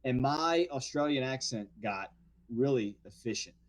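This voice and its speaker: Dude from around new orleans telling stories on a podcast, animated, keeps restarting his sentences. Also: medium pitch, a little slow. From New Orleans area. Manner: storytelling, animated, frequent restarts. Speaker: guest actor. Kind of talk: casual podcast chat.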